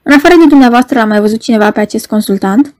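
A patient, coaxing doctor in a storybook reading, as a woman reader puts him on, asking gentle, measured questions. His voice sits a little higher than her usual reading, recorded close and dry. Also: no echo, close to an everyday voice.

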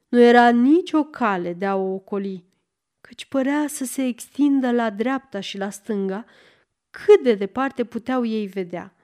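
Woman narrator, audiobook storytelling, calm measured reading, slightly high voice.

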